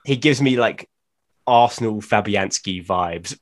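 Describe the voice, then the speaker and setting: A man's voice: lowish voice, measured pace. A man co-hosting a football podcast, talking bluntly and laughing often in casual chat. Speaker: podcast co-host.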